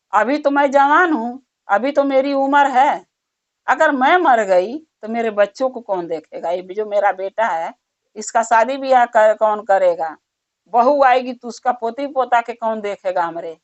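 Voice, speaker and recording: A woman's voice: on the high side, animated, measured pace, dry recording. A woman doing a lamenting merchant's wife, pleading tone, muffled dull sound. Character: wailing merchant's wife, selfish, dramatic.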